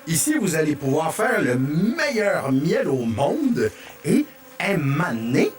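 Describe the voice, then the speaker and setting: A man's voice: on the high side, sing-song, measured pace, distant mic, slight background noise. A man with a Québécois accent voicing a giant golden dragon who protects his bees and talks grandly to them. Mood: proud, kindly. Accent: Québécois French.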